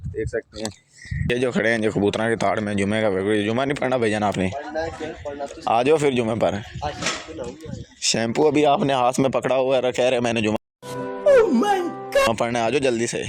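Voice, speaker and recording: A man's voice: medium pitch, steady tone, normal speed, pauses often, a crowd in the background. A man with a Punjabi accent vlogging casually about his village day, chatty and joking, often urging viewers to subscribe. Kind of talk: casual vlog talk to camera. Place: outdoors in a village, walking. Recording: noisy outdoor phone recording.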